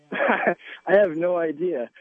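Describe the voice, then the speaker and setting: A chef calling in by phone to a radio show, relaxed and joking in casual chat. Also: male voice, on the high side, slow pace, no echo. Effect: voice heard over the phone. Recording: tinny phone line.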